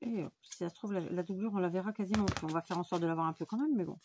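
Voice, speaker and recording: A woman's voice: lowish voice, very fast, noisy background. A woman hosting a crafting tutorial, talking viewers through each step in a chatty way and thinking aloud as she works. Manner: chatty, thinks aloud with frequent fillers and "voilà".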